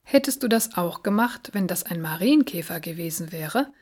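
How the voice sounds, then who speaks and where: A woman's voice: lowish voice, expressive, normal speed, a little mellow, breathy edge. A woman voicing a playful, cheerful talking cat in a storybook reading, chiming in eagerly.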